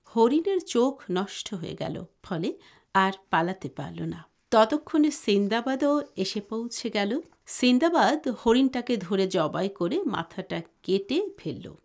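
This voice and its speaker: A woman co-hosting a radio program and narrating a folktale in a steady, even voice. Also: mid-range voice. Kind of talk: storytelling narration.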